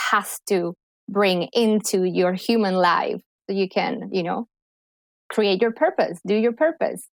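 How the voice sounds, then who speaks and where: A medium-pitched, Colombian-accented woman from Colombia talks enthusiastically and animatedly as a guest on an easygoing podcast. She works as a clinical psychologist and healer, and there's no room sound in the clip.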